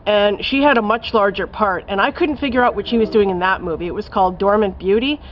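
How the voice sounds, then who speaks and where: Woman film reviewer, casual rant, profane and scathing, mid pitch, slightly muffled lo-fi sound. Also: quick pace, slight background noise. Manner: blunt, profane, scathing rant with many fillers.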